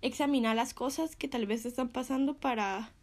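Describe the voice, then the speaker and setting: Chatty young woman, slightly high voice. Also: a little fast, darkish tone. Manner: chatty, many fillers, laughs between phrases. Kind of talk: casual devotional chat.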